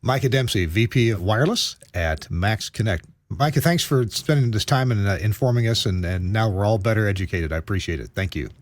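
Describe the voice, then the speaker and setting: A man's voice: on the low side, expressive, brisk, hardly any pauses, no room sound, studio quality. A man hosting an interview, asking articulate, orderly questions in a conversational way.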